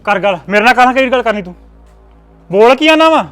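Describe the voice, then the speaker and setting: A man's voice: extremely high pitch, expressive, fast, a bit bright, smooth, soft background music. An actor playing a brother who confronts his sister's husband. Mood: confronting. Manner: confronting, demanding.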